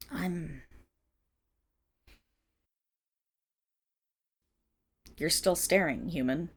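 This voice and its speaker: In a dramatic ASMR roleplay, a woman voices a haughty, indignant young wolf monstergirl of noble birth, addressing the listener with open disdain. Her full character voice sits on the low side with a breathy edge, and she comes across as proud and guarded.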